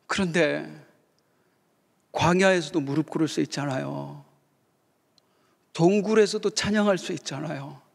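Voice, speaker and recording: A man's voice: on the high side, a little slow, gravelly, pauses often, breathy edge, big-room sound. A male pastor preaching a sermon, telling a story and building up fervent rhetorical questions. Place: church sanctuary.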